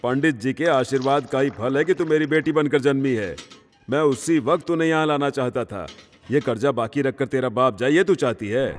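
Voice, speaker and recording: A man's voice: medium pitch, moderate pace, soft background music, lightly acted. An actor dubbing an earnest middle-aged village father who chides his daughter. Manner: earnest, chiding. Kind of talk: Hindi film dub.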